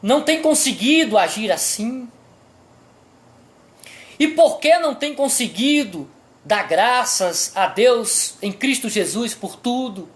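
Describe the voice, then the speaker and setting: A Brazilian-accented pastor delivers a sermon at a slow, deliberate pace. The preaching is emphatic and built on rhetorical questions to the listeners, at a middling pitch. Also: expressive.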